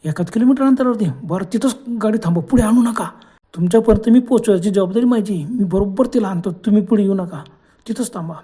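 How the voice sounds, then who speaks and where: A sly, excitable young schemer from a spoken horror story, as a male narrator puts him on. His voice sits higher and louder than the narrator's own, yet keeps a mellow, dark tone. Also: quick pace, breathy edge. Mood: scheming. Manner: loud, agitated exclamations.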